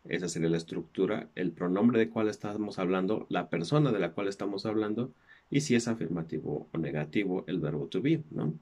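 Low, brisk and darkish with a breathy edge, this is a male English teacher whose first language is Spanish and who carries a Mexican accent. He explains textbook exercises patiently, leaning on fillers like "este" and "ajá".

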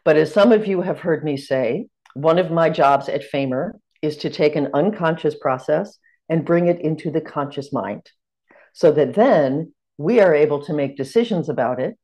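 Over a video call from a room in her home, a middle-aged American woman runs a teaching workshop. Her voice is low and warm, and she speaks in a measured, welcoming manner, much like an online lecture.

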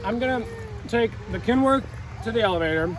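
A man's voice: very high voice, expressive, fairly quick. A man in his thirties, a farmer, chatting casually in a matter-of-fact, joking way. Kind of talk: casual chat. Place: outdoors in a field. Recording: noisy outdoor phone audio.

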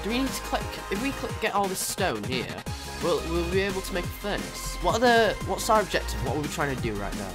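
A man's voice: sits high, very animated, fast, over music. A man with a sore throat doing casual, jokey commentary while playing a co-op game. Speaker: co-op gaming video host.

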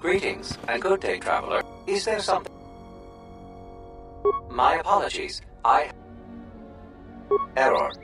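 Brief: a courteous game droid that glitches and breaks down mid-phrase, fairly high, with a bouncy pitch. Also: male voice, huge pitch swings, measured pace, long pauses, loud music behind the voice. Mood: glitching. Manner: overly polite phrases that break off in errors. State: glitching, damaged. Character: malfunctioning polite service droid with memory errors. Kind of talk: video game dialogue.

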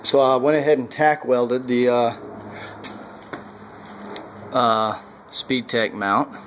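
Man, casual workshop vlog, slow halting delivery, mid pitch, handheld camera mic, faint garage noise. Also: a bit bright, low-quality recording. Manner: slow, halting, many fillers. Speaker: home car builder.

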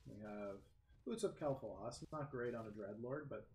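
A man commentating a strategy game match, lively play-by-play that jumps up in excitement. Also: mid-range voice, normal speed. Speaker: game caster. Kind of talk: esports commentary. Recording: echoey room with faint background noise.

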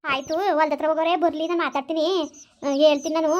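; a woman plays a soothing, persuasive sister-in-law, high and flat. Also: very fast, dull audio, slight background noise, close to an everyday voice. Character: kind, reasonable young sister-in-law and wife. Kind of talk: amateur village drama.

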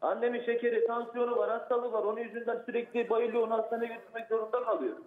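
A man's voice: very high-pitched, flat delivery, racing, echoey room, phone-quality sound. A man, the guest's older brother, arguing indignantly on a talk show. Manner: indignant, argumentative. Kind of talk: heated talk-show argument.

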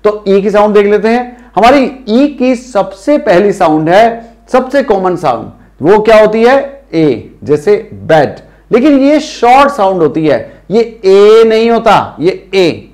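Slow-spoken Indian man teaching. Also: high-pitched, expressive, darkish tone. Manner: drills words aloud, asks viewers questions. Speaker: English teacher. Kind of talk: spoken English lesson.

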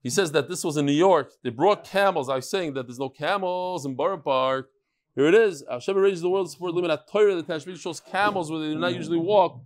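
A middle-aged Talmud teacher leads a daily class in a large, wood-paneled study hall, quickly reading emails aloud. His voice sits a little high, and he tosses chatty asides and Hebrew terms to the room.

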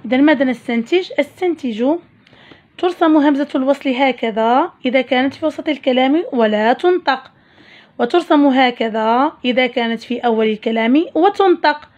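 A woman teaching a primary school Arabic lesson, explaining slowly step by step and asking questions. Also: high voice, a little mellow. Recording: dull lo-fi recording.

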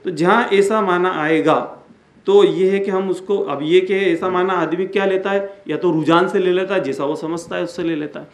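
A man delivers a religious lecture in a fairly high voice. He explains patiently, circling back over each point and slowing down to recite Arabic verses. The recording has a roomy echo around him. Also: steady tone. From India. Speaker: Islamic speaker and founder of an education center. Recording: echoey room.

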